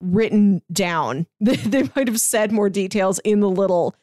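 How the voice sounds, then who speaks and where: With a mellow, mid-range voice and a slightly slow pace, this podcast co-host keeps the chat relaxed and laughs softly throughout. The studio recording is clean, with no echo.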